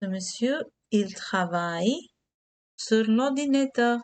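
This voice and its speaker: Slow, deliberate woman teaching French. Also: a little high, animated. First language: Hindi. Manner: slow and deliberate, repeating key words. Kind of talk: slow beginner French lesson with English glosses.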